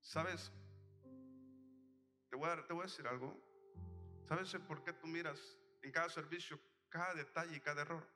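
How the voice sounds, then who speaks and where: A man's voice: fairly high pitch, fairly even intonation, moderate pace, long pauses, sharp tone, big-room sound, faint music behind. A man preaching a sermon, telling a story in an emphatic way and acting out the characters. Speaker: pastor.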